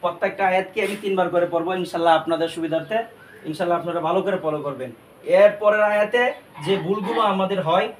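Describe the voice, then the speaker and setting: A man teaching Quran recitation step by step, explaining each sound and drawing phrases out slowly. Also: high voice, echoey room, recorded from a distance, slight background noise.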